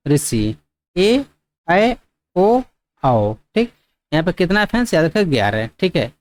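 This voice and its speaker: Hindi teacher quizzing himself aloud. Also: male voice, high-pitched, clean tone. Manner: repeats "theek" often, asks and answers his own questions; stretches words to demonstrate long vowels. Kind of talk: exam-prep grammar lesson.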